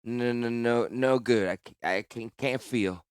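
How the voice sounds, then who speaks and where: A man's voice: medium pitch, measured pace, clean tone, dry recording, studio quality, close to an everyday voice. A man voicing a dying young female sailor, weak and shivering, who stammers through chattering teeth. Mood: faint, fading.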